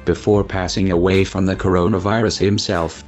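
A man reading a scripted anonymous statement in a disguised deep voice, pitched down by a voice changer, with a steady, grave, accusing delivery. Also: fairly quick, muffled recording, faint music behind. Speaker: anonymous narrator.

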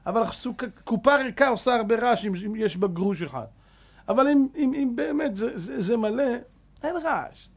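A man teaching a religious lesson as a rabbi, telling anecdotes with lively swings between loud and hushed delivery. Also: extremely high pitch, slightly rough. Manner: acts out characters in anecdotes. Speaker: rabbi teaching a Torah class.

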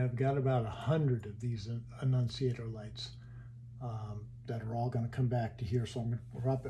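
Dark-voiced man thinking aloud in workshop. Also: mid-range voice, slight background noise. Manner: halting, thinking aloud while handling parts. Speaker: hobbyist builder. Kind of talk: casual workshop walkthrough. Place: home workshop.

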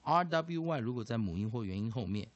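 A man teaching a vocabulary and pronunciation lesson, explaining slowly and deliberately. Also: medium pitch, expressive, dry recording, lo-fi sound.

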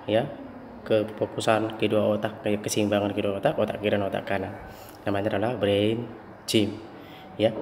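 A man's voice: fairly low pitch, darkish tone, long reverb tail, a little hiss or hum. Young man explaining hesitantly to camera. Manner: hesitant, with many fillers and restarts. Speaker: instructor. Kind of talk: casual instructional talk to camera. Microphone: phone camera at close range.

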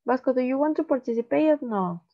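A woman teaching an online English class to children, modelling phrases slowly and explaining in Spanish. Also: high-pitched, lively intonation, over a noisy crowd. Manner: patient, slow model reading, switches to Spanish to explain. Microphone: video call. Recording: dull lo-fi call audio.

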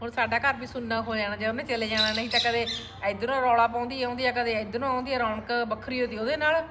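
This vlogger talks quickly to her viewers in a fairly high, steady voice, narrating casually from her family home with a courtyard. The background is noisy.

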